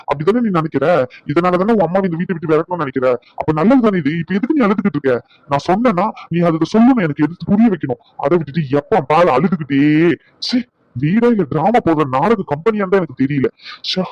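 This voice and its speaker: A man's voice: on the high side, a little mellow, no echo, natural voice. An actor playing a short-tempered husband who scolds his wife with bitter sarcasm, in a dull lo-fi recording. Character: angry proud husband, adult man, short-tempered. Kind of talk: Tamil family drama acting.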